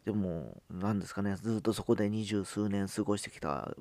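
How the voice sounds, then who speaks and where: A man with a Hakata accent talks casually on his own, stopping often on filler sounds. His voice sits low and has a gravelly, fried edge. The sound is dry, with no room echo. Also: darkish tone. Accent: Hakata dialect. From Fukuoka, Japan. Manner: halting, with frequent "um" fillers and drawn-out phrase endings. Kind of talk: casual spoken monologue.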